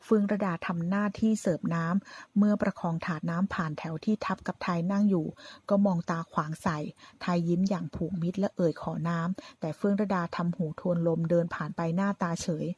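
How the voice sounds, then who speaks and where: A woman narrator retelling a TV drama plot in a steady voice. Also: on the low side, brisk, dry recording. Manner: steady narration with quoted dialogue.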